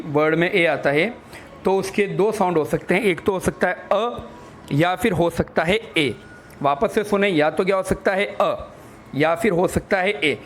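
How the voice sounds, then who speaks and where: High-voiced man teaching letter sounds. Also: slight background noise. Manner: spells words letter by letter, asks and answers his own questions; addresses listeners as children. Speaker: English teacher. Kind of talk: classroom phonics lesson.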